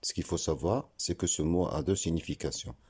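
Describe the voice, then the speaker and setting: A man giving a scripted lesson on French pronunciation, slowly spelling out words letter by letter. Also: deep voice, a little mellow, breathy edge. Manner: slow, deliberate, spells out letters.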